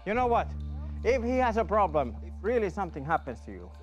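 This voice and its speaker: A man's voice: sits high, very animated, fast talker, lo-fi sound, faint music behind. An English speaker, a male guide giving simple instructions outdoors. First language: not English. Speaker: local guide. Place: outdoors on a snowy frozen lake.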